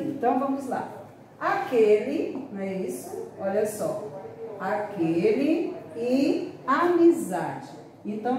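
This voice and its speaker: A Brazilian woman teacher leads a children's lesson, slow and patient, drawing out each syllable. Her voice sits a little high but mellow. The recording rings with heavy room echo. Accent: Brazilian Portuguese. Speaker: primary school teacher. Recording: very echoey room.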